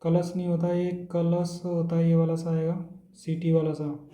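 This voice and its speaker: A man teaching an exam-prep lesson, going through words one by one in a steady drilling way. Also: a little high, moderate pace, roomy sound.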